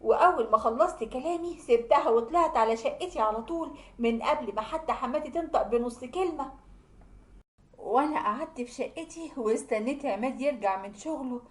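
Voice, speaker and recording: A woman's voice: high-pitched, animated, a little fast. A woman with an Egyptian accent narrating a first-person domestic story in a plaintive, confiding way. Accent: Egyptian Arabic. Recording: roomy echo.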